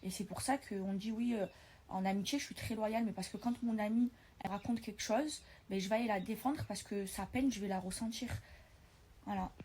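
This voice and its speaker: A woman's voice: mid-range voice, fairly quick, a little hiss or hum. Chatty young woman vlogging from bed. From France. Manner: chatty, hushed at night, calls viewers "les filles". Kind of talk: casual chat to viewers. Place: bedroom, in bed.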